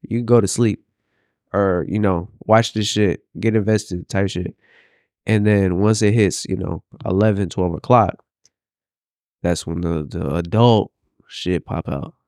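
Low-voiced man, slangy casual storyteller. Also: measured pace, darkish tone, no echo, clean studio sound. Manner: slangy, profane, repeats phrases as he builds a story.

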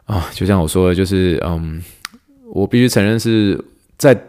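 A man hosting a casual podcast, a physical therapist who talks fast and laughs often, slowing down for English phrases. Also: low voice, mellow, clean tone. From Taiwan. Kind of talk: casual podcast monologue teaching clinical English.

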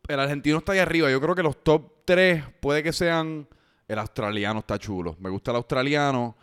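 A young man, hosting a podcast in a relaxed, joking way and swearing casually. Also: fairly high pitch, fairly quick, clear, resonant tone. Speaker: podcast host.

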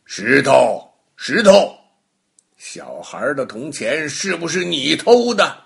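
A man's voice: fairly high pitch, big pitch swings, takes it slowly, creaky, exaggerated voice. A man doing a stern old-time judge. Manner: commanding, stern. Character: stern wise official judge, grown man.

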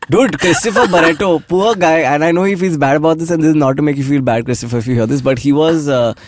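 A man's voice: a little high, fast talker, very noisy. A man with an Indian accent in casual chat, slangy, dropping Hindi words into his English. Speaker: comedian.

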